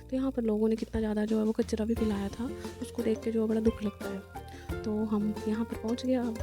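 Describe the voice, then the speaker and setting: A woman's voice: on the high side, level tone, brisk, over music. A young woman narrating her day out with a friend in a rambling, chatty vlog voice-over, full of fillers. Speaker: vlogger.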